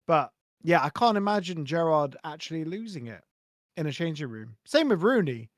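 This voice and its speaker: A man co-hosting a football fan podcast, tossing out jokes and banter. His voice sits a little high for a man. The sound is close and dry, with no room in it. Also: big pitch swings, dry recording. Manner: jokey, quick banter. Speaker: podcast co-host. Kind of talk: casual fan chat.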